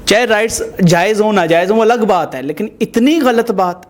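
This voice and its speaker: A man with a noticeably high voice acts as host and mediator in a confrontational reality-style show. He talks to the couple in an emphatic, moralizing way, scolding and instructing them.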